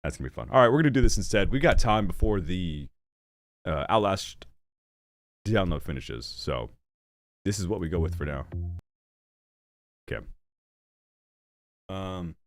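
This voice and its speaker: A young gaming streamer and channel host chats casually at a moderate pace, pausing often. He rambles and cracks self-deprecating jokes through a stuffy nose and hiccups, animated and prone to sudden jumps in pitch.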